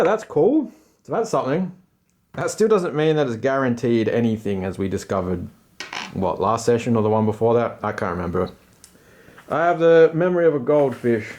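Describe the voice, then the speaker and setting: A man's voice: on the low side, darkish tone. Casual man narrating his solo tabletop game. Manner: informal, self-deprecating, slangy asides.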